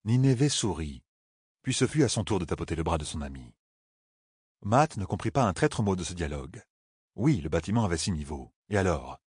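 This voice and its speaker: Low husky guy reading a fantasy audiobook, dry close sound. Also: very animated, brisk, a little mellow, dry recording. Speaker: audiobook narrator. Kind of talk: scripted narration.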